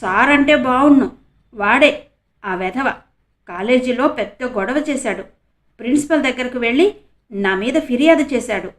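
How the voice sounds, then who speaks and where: A woman's voice: on the high side, animated, moderate pace, long pauses, close to an everyday voice. A woman voicing a tearful college girl. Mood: resentful. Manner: tearful, resentful. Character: tearful young female college student, younger sister. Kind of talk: audiobook character reading.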